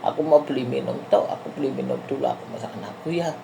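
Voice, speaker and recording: A woman's voice: very deep voice, fast, vocal fry, background noise. Middle-aged lady from indonesia rambling on about her trips, chatty, keeps talking to her viewers like friends. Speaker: vlogger. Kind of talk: casual storytelling to viewers.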